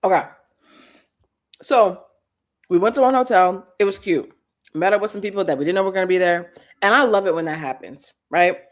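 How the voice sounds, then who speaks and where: A woman, hosting a live chat show and telling casual stories with big swings in pitch. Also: moderate pace, pauses often. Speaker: host. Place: Los Angeles.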